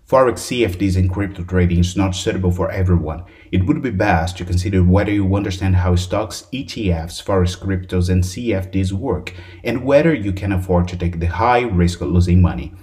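A man's voice: sits low, mellow. A man who hosts a podcast, reading a scripted legal disclaimer in a formal, emphatic manner. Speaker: podcast host.

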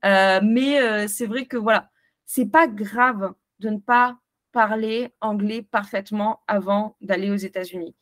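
A woman's voice: medium pitch, unhurried, no room sound. A woman from France, a podcast guest, giving travel advice in a chatty way, full of hesitations and restarts. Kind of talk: casual interview chat.

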